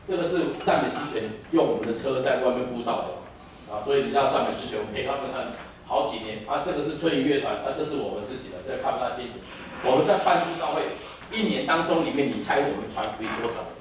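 Taiwanese-accented guy in his 50s preaching, lively storyteller, big echoey hall, sounds a bit far from the mic. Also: mid-range voice, fast, slight background noise. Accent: Taiwanese Mandarin. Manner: animated, switches into Taiwanese, sings snatches. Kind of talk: sermon with storytelling and singing. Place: church hall.

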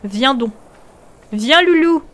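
A young woman hosting a video game, commenting excitably, often shrieking and laughing. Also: high-pitched, slow pace, a little hiss or hum. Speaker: gaming video host.

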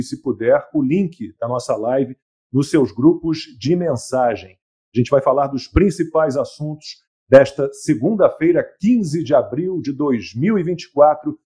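A man's voice: medium pitch, warm tone, slightly rough. A man hosting a live political talk show, chatty, greeting guests by name and tagging on "né?" often. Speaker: show host.

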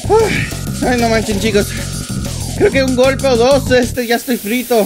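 A young man with a Mexican accent giving excitable let's play commentary, yelping, groaning and talking to viewers. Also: very high voice, unhurried. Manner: excitable, yelps and groans often, talks to viewers. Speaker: gaming channel host. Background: loud game music.

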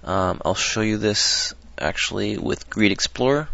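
Brief: deep, gravelly man, loose rambling tutorial delivery, dull dry lo-fi recording. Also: a little slow, bright, forceful tone, no echo. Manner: rambling, hesitant, lots of ums and restarts. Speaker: modding tutorial presenter. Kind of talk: casual screen-recorded tutorial.

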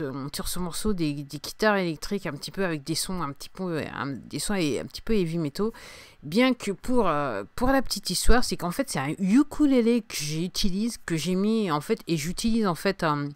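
A woman's voice: lowish voice, clean tone, no room sound. A middle-aged woman talking casually about her music on her own podcast, hesitant, with many fillers and restarts. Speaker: singer-songwriter hosting her own podcast. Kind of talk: casual spoken podcast monologue.

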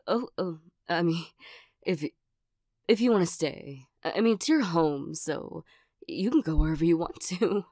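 A woman as a shy, stammering cat girl, unhurried. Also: on the low side, dark tone, dry recording, clean studio sound, full character voice. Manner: hesitant, stammering, giggly. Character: flustered, shy, nervous female cat creature with claws. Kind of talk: ASMR role-play, soft-spoken.

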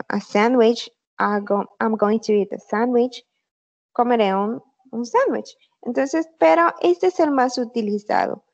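A woman tutoring an online English class, explaining slowly and patiently with frequent fillers. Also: on the high side, gravelly, darkish tone. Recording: dull lo-fi online call audio.

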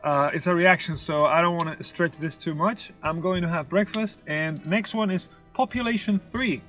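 A young man with a high-pitched voice reacts to music in a car, speaking English as a second language. He is casual and expressive, often pausing to hunt for the English word, with faint music in the recording. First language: not English. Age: young adult. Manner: halting, searching for English words mid-thought; expressive, sings out rhythms in syllables. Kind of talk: casual off-the-cuff music commentary. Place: inside a parked car in daylight.

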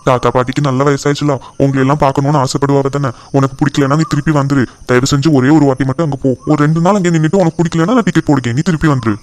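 Man voicing a rapid-talking soft-hearted father. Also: mid-range voice, steady tone, lightly acted. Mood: gentle. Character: caring middle-aged father.

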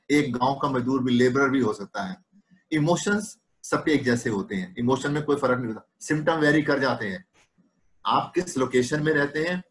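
A man's voice: medium pitch, poor audio. A man who is a homeopathy doctor and teacher, giving a clinical lecture and explaining his points through patient cases and acted-out dialogues.

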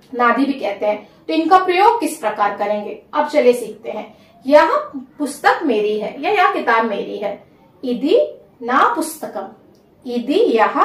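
A woman teaching a spoken language lesson, saying each phrase slowly and repeating it so learners can take notes. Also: high-pitched, fairly bright tone. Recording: echoey room, a bit far from the mic.

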